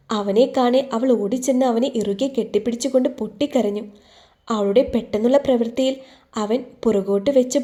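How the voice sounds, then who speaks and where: Mellow-voiced woman narrating a story. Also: a little high.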